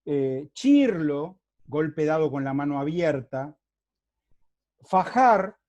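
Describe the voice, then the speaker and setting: This Rioplatense-accented man is lecturing at a university in a slightly high, animated, somewhat mellow voice. He lays things out patiently and often uses rhetorical tags to make sure his audience is keeping up. His pace is unhurried, dotted with hesitant fillers and restarts.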